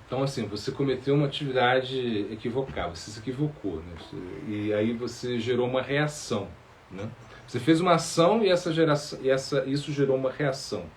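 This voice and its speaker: Male spiritual teacher, mid-pitched voice, halting answers, lots of fillers. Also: a little hiss or hum. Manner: halting, many fillers and repeated words. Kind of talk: sermon answering questions.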